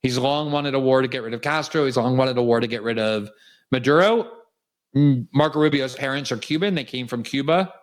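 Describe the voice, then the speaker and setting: On his political commentary program, a South Florida host launches into a cutting, emphatic monologue in an indignant tone. He has a medium-pitched voice and talks fairly quickly.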